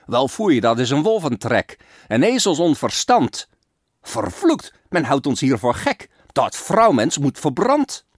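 A man voicing an angry mob of fairgoers, shouting in outrage. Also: mid-range voice, big pitch swings, a little slow, breathy edge, dry recording, clean studio sound. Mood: outraged.

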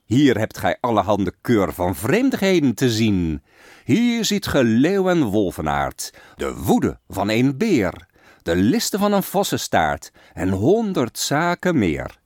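A man voicing a loud male fairground barker who calls out in a sing-song way. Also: medium pitch, wildly swooping pitch, slow pace, no room sound, studio quality, heavily acted. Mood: hawking.

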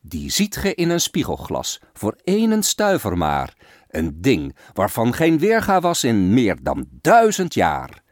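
A man voicing a loud male fairground barker who calls out in a sing-song way. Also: medium pitch, wildly swooping pitch, measured pace, no echo, studio quality. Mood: hawking.

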